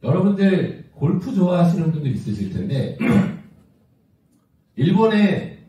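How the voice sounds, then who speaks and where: With a rather high, mellow, sing-song voice, a South Korean executive of around fifty takes his time presenting to a large indoor audience. He keeps a conversational manner and keeps asking the room rhetorical questions, heard from a distance in a muffled, echoey hall.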